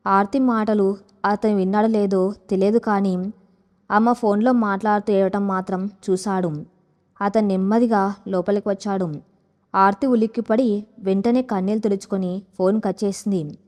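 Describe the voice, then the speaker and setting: A woman reading a scripted audio story in a steady, emotive manner. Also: medium pitch.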